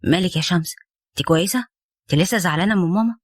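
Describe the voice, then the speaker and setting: A woman voicing a caring young man with an Egyptian accent, talking gently and with concern. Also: fairly low pitch, rapid-fire, slightly rough, dry recording, studio quality, voice pushed down. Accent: Egyptian Arabic. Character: caring young man, the heroine's former fiancé.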